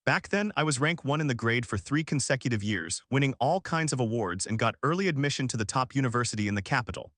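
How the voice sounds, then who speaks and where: A man's voice: mid-range voice, expressive, quick pace, hardly any pauses, a bit bright, dry recording, lightly acted. A man as a repentant young husband, dubbed drama, earnest, tender, dry recording. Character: remorseful young husband and father. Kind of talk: dubbed short-drama dialogue.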